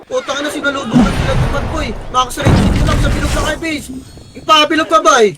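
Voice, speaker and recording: A young man calling shots for his guild in live game voice chat, firing off rapid repeated commands and frequent curses. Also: extremely high pitch, fairly even intonation, over loud music, a loud crowd. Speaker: guild shot caller.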